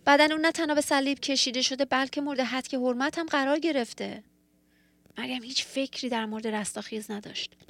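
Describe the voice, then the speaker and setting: A woman's voice: high-pitched, a bit bright. A woman giving a sermon, retelling a scripture story in an earnest, reflective way. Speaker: preacher.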